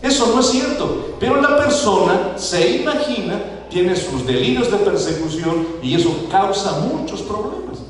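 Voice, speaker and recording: High-voiced Mexican pastor in an echoey hall. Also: male voice, animated, measured pace, hardly any pauses. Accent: Mexican Spanish. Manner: asks the congregation questions, acts out quoted voices. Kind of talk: sermon. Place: church sanctuary. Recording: echoey church hall, voice from far off.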